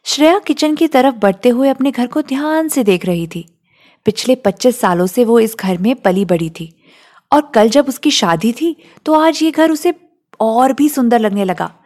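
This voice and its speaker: A woman narrating a story in a gentle, emotional, reflective way. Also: on the high side, animated, measured pace.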